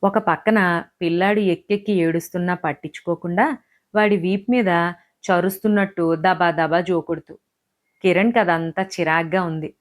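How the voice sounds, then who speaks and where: A woman narrating an audio story, expressive and scripted. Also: fairly low pitch, moderate pace.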